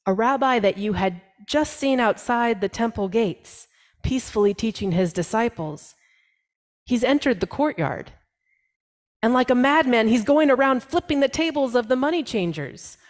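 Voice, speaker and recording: Woman pastor, storytelling sermon, second-person narration, medium pitch. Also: darkish tone. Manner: second-person narration, dramatic voicing of quotes.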